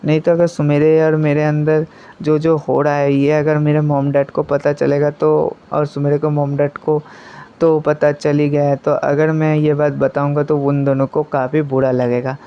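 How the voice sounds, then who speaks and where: A man's voice: a little high, completely flat delivery, moderate pace, clean tone. A young man casually narrating a fan-made story, rambling with restarts. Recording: muffled lo-fi recording.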